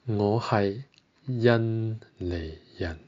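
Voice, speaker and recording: Guy teaching a language podcast, takes it real slow, kinda muffled lo-fi audio. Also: fairly low pitch, a little mellow, husky. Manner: slow, careful modelling of phrases, repeated twice.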